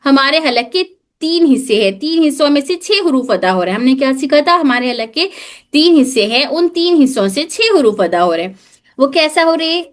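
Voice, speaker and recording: Teaching religious recitation live, a high-voiced woman moves briskly with lively intonation, breaking things down one step at a time. Her Hindi is sprinkled with English, and she repeats herself, quizzing listeners and echoing their answers to make points stick.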